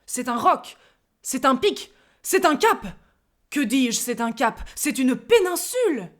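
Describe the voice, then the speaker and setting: A proud, witty swordsman of the stage, acted by a woman declaims verse with hammy relish. The delivery is slow and deliberate at a medium pitch, switching tone sharply as each mocking line is savored. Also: close to an everyday voice. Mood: grandly indignant. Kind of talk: theatrical verse monologue recitation.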